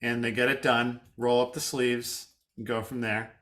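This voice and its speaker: A man's voice: medium pitch, little pitch movement, a bit bright. A man hosting a casual podcast conversation, enthusiastic and affirming. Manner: enthusiastic, affirming, quick asides. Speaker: podcast host.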